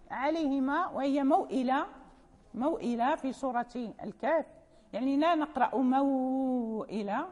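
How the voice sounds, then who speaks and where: High-voiced woman teacher in a reverberant hall. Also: a little mellow. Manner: patient, explanatory, repeats key terms and checks understanding. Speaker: teacher of Quranic recitation. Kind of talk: classroom lecture.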